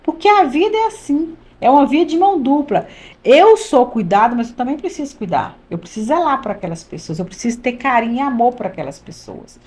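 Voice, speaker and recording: A woman in her fifties, a pastor's wife from Minas Gerais, Brazil, tells her life story on a podcast as a conversational testimony. Her high, sing-song, darkish voice moves briskly, and she speaks earnestly and emphatically, often repeating phrases.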